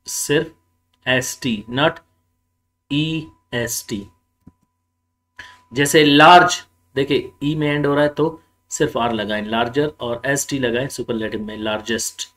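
A male grammar teacher giving a classroom lecture, mixing explanation with slow, spelled-out English examples and answering his own rhetorical questions. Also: mid-range voice, fairly even intonation, a bit bright. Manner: asks himself rhetorical questions and then answers them.

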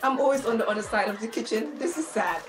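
Chatty high-voiced woman hosting a talk show. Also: animated, fast talker, music in the background. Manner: chatty, playful, laughs often, talks straight to viewers. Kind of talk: casual talk show chat.

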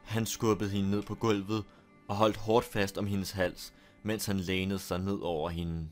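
Low-voiced man narrating a horror story. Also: soft background music. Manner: steady, deliberate storytelling.

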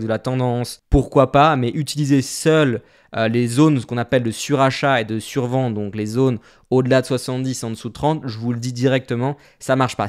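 A man explaining a trading indicator step by step in a screen-share tutorial. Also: medium pitch. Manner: explains step by step, plain and direct. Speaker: trading instructor.

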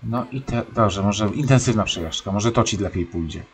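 A man's voice: on the low side, normal speed, slight background noise. A young man giving casual, sarcastic commentary while playing a life-simulation game, scolding his stubborn horse. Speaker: let's-play gamer.

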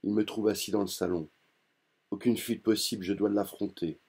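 A man reading a literary novel aloud in a measured, inward first-person narration. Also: on the low side, steady tone, darkish tone, breathy edge. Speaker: audiobook reader.

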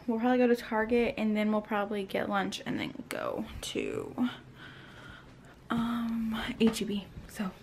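A woman in her twenties chats at home in a casual, rambling vlog, worn out and sighing between thoughts. She speaks slowly, in a slightly high voice. Faint household noise hums behind her. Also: very animated, vocal fry. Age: 20s. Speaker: vlogger, stay-at-home mom. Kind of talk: casual vlog chat to camera.

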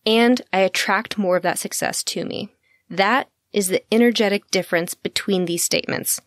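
A woman's voice: medium pitch, normal speed, no echo. Woman podcast host, frank and swearing, dry close sound, mid-range voice. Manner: candid and blunt, swears casually; laughs easily mid-sentence. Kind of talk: casual self-help podcast talk.

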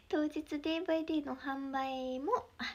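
Young woman with a Mie accent, high bright voice, giggly casual livestream host, slips into whispers. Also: wildly swooping pitch, moderate pace. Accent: Mie dialect. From Mie Prefecture, Japan. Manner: chatty, giggly, drifts into soft whispers. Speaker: idol livestreamer.

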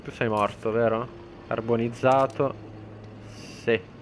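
A man talks his way through a horror game in a chatty commentary voice, taunting the enemies and breaking into sudden high yelps when something surprises him. His voice sits in a middle pitch, with faint game sounds behind it. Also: slow, a little hiss or hum. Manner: excitable, talks to enemies, shouts in alarm. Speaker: gameplay commentator. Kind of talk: let's play commentary.

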